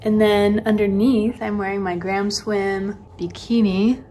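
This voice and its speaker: A woman's voice: medium pitch, steady tone, measured pace, warm tone, slight background noise. A young woman in her twenties chatting casually to a phone camera at arm's length in a bedroom, describing her day and outfits. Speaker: vlogger. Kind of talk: casual vlog talk to camera. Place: bedroom at home, indoors. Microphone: phone held at arm's length.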